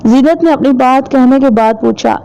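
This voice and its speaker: A woman narrating a horror novel as an audiobook, in steady, measured storytelling. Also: sits high, gravelly, highs cut off. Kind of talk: dramatic novel reading.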